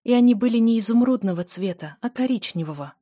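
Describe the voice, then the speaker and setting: A woman's voice: on the high side, animated, fast talker, mellow, dry recording, studio quality. A woman narrating an audiobook in the first person, reading with emotion.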